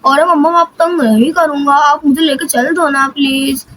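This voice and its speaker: A woman's voice: sits high, fairly even intonation, normal speed, a bit bright, a little hiss or hum. A woman voicing a mischievous little boy in a cartoon, pleading and making excuses. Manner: pleading, defensive. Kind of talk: cartoon voice-over.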